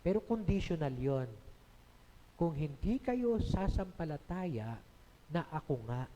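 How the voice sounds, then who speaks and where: A man's voice: a little high, very animated, a little slow, warm tone. A man with a Filipino accent, preaching a teaching sermon as pastor and often checking in with his listeners. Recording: long hall reverb.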